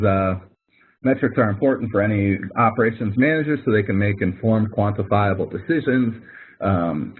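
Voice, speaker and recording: Over tinny, narrow-band call audio, a man with a lowish, slightly rough voice runs an informal online webinar. He's a conversational instructor who walks through examples step by step, correcting himself along the way.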